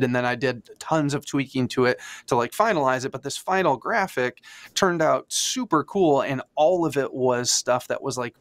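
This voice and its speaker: A middle-aged man talks at an ordinary pitch from a home studio over a video call. He chats with enthusiasm, filling his sentences with "like" and "um", and his studio mic gives a dry, close sound. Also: fairly bright tone, no room sound. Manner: chatty, fillers like "like" and "um", enthusiastic. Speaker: church designer guest. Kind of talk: casual podcast interview answer.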